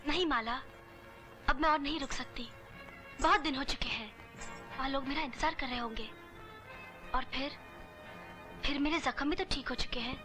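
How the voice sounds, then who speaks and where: An actress playing a young heroine in a Bollywood film, speaking with earnest pleading. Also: female voice, high voice, moderate pace, pauses often, music in the background, close to an everyday voice.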